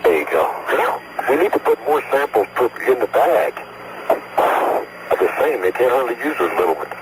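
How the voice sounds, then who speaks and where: A man's voice: medium pitch, sing-song, moderate pace, noisy background. A man talking as an astronaut over an archival radio link, chatting casually with a crewmate as he works. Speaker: astronaut on a moonwalk. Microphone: headset in spacesuit.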